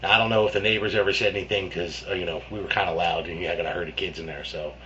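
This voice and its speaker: Low-voiced man telling a rambling ghost story. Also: steady tone, rapid-fire, pushed and bright. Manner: rambling, profane, many restarts and fillers. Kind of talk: casual spoken ghost story. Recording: dull lo-fi with faint hum.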